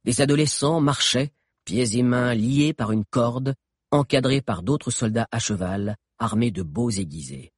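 A man's voice: mid-range voice, unhurried, creaky, husky, dry recording, studio quality. A man reading a novel aloud as scripted narration, telling the story expressively. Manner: expressive storytelling, voices characters. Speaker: audiobook narrator.

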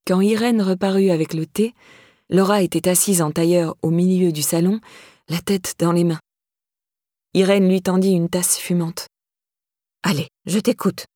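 Audiobook narrator, woman, measured delivery, low husky voice. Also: fairly even intonation, mellow, dry recording, clean studio sound. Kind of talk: scripted narration.

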